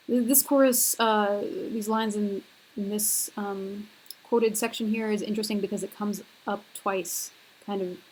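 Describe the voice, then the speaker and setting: A woman's voice: medium pitch, darkish tone, a little hiss or hum, low-quality recording. A young woman lecturing on a recorded university class, talking casually and hesitantly with many fillers.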